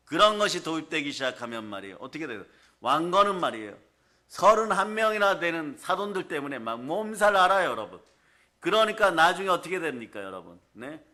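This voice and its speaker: A male pastor preaching a sermon to his congregation in a church, often firing questions at them and telling animated stories. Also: fairly high pitch. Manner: keeps asking the congregation questions.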